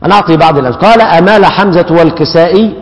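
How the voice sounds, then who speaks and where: Egyptian male teacher, slightly high voice, patient repeating lecture style, dull lo-fi hall recording. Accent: Egyptian Arabic. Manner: explains slowly, repeats terms, checks in with "yes". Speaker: Quran recitation teacher. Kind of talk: classroom lecture on recitation rules. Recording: echoey hall, dull lo-fi sound.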